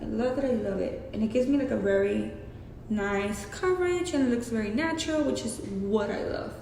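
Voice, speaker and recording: This beauty vlogger, a young woman with a Mexican accent, guides viewers through her makeup in a loose, profane way with plenty of asides. Her slightly high voice is gravelly and moderately paced, set in a spacious room with a long echo and a steady hiss beneath.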